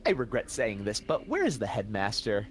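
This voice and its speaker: A man's voice: fairly low pitch, wildly swooping pitch, moderate pace, slight background noise. A man playing a tabletop game, speaking eagerly and stammering as he chats in character. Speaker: player.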